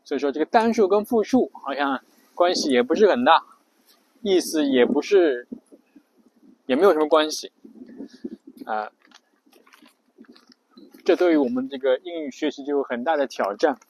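A man's voice: fairly high pitch, lively intonation, normal speed, long pauses, rough recording. A man hosting an audio show who explains vocabulary in a casual monologue, chatty and thinking aloud with frequent fillers. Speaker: podcast host.

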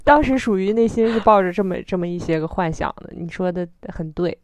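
A woman's voice: on the low side, brisk, darkish tone, no echo. Chatty Northeastern Chinese woman, dry close sound. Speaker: podcast co-host. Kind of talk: casual chat.

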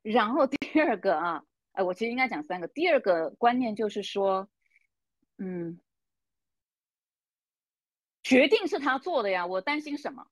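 A woman's voice: medium pitch, big pitch swings, moderate pace, pauses often, dry recording. A woman, co-hosting a casual coaching talk and earnestly sharing her ideas. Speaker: coach, podcast co-host. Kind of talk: casual conversation.

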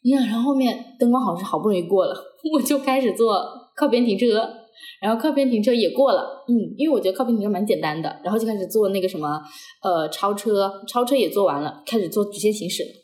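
Young woman, podcast co-host, lively storyteller who laughs easily and does the voices; mid pitch; echoey room sound. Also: fast talker. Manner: animated, laughing often, acts out quotes. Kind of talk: casual storytelling chat.

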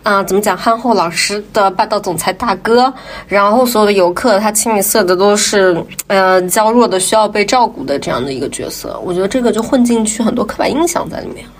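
A woman's voice: mid-range voice, fairly quick. A woman from southern China chatting casually and giving opinions as a podcast co-host, in colloquial speech peppered with internet slang.

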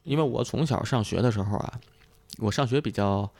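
A man's voice: fairly low pitch, a little fast, gravelly, a little mellow. A young man with a thick-tongued, slightly slurred way of speaking that muddles L sounds, chatting casually as a podcast host. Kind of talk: casual improvised chat.

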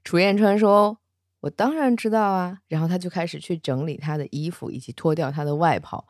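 A woman's voice: low voice, fairly even intonation, brisk, darkish tone, no echo, studio quality. A woman telling a romantic fantasy story in a chatty, casual way, often laughing.

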